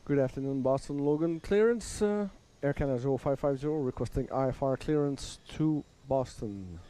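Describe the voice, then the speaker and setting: A man's voice: mid-range voice, moderate pace, warm tone. A man talking like a pilot into a cockpit headset mic, making radio calls with hesitant, self-correcting phrasing. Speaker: flight sim player as pilot. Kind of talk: radio calls to air traffic control.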